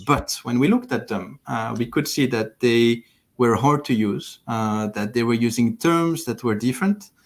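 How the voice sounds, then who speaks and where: A man from France with a low, gravelly edge to his voice, thoughtful and explanatory. He speaks over a headset on a video call from a home living room. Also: normal speed. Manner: thoughtful, explanatory, with frequent restarts. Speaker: platform engineering lead. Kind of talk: livestream interview.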